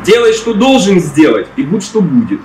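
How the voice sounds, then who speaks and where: A man's voice: high-pitched, sing-song, normal speed, noisy background. A man in his forties explaining his position assertively as an election candidate in an informal argument with residents outdoors. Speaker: local election candidate, serving head of another settlement. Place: outdoors at a columned porch. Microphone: camera a few metres away. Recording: echoey, distant camera microphone.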